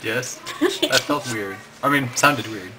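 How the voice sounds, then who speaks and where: A man's voice: medium pitch, slow. A man co-hosting a casual vlog, joking and teasing with mock plugs. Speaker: co-host. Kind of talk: casual chat. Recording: noisy home video.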